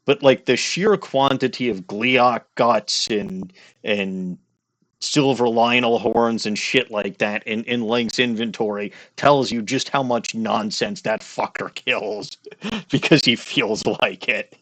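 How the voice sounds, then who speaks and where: A man's voice: mid-range voice, slow pace, fairly bright tone. A man giving casual, wry, sometimes profane commentary as host of a game playthrough. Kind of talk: casual commentary while reading a game aloud.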